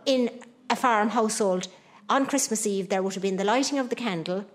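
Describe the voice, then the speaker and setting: A woman's voice: mid-range voice, brisk, background noise. A middle-aged woman with a Kerry Irish accent, reminiscing conversationally about local traditions. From Ireland, County Kerry. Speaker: pub keeper and archaeologist.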